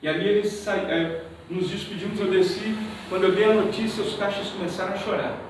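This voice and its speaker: A man with a Brazilian accent giving a testimony to a church congregation, telling his story in a lively way and acting out the dialogue. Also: sits high, a little fast, background noise. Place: church hall. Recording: very echoey hall, mic far off.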